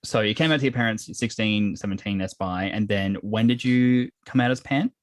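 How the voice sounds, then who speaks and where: A man's voice: on the low side, a little fast, dry recording. Man, podcast host, casual, laughs a lot, dry close sound. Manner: chatty, laughs often, many fillers. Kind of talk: casual interview chat.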